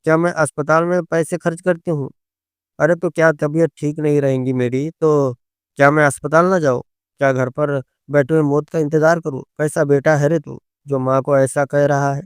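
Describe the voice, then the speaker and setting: A man voicing a sharp-tongued middle-aged mother who scolds her son loudly in a storybook reading. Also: a little high, little pitch movement, clean tone, dry recording, studio quality, natural voice. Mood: indignant, wailing. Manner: shouting, scolding, rapid.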